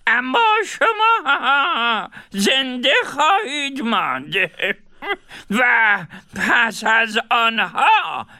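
A man voicing a fat, fearful old male dream interpreter who wails and pleads in a shrill, trembling voice in a storybook. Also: very animated, bright, forceful tone, no room sound, studio quality, exaggerated voice. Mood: solemn. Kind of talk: storybook narration.

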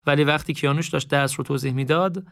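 A man reading a story aloud in a calm, reflective, casual spoken style. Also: a little high, gravelly, dry recording, clean studio sound. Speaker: narrator. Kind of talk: audiobook story narration with reflective asides.

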